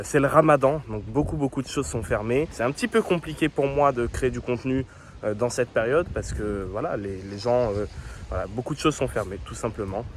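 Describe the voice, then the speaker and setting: A man's voice: mid-range voice, a little hiss or hum. A young man talking to the camera as he walks a seaside town, chatty and upbeat as he tells his travel story. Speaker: travel vlogger. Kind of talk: casual travel vlog narration to camera. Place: outdoors on a seaside town street.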